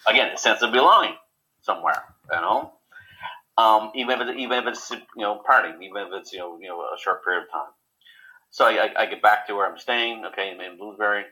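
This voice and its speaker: A man in a casual interview, talking haltingly with many repeated words and fillers. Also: lowish voice, pushed and bright, rough recording. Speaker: guest.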